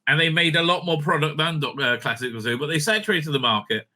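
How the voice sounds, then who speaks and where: The host of a fan news show rambles and thinks aloud while browsing a screen, offering blunt, sweary, unscripted commentary. His voice is a little high, fast, pushed and bright.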